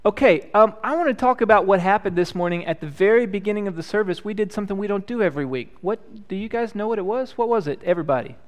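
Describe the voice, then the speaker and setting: Pastor guy in his 30s, gentle, asks the kids questions, clear high-ish voice. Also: quick pace, hardly any pauses. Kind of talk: prayer and children's message. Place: church.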